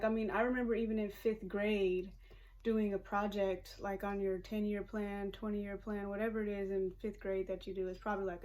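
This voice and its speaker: Chatty young woman vlogging her makeup. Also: medium pitch. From Pacific Northwest of the US. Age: 20s. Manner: relaxed and chatty, laughs often, lots of fillers. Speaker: hairstylist and vlogger. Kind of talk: casual chat while doing makeup.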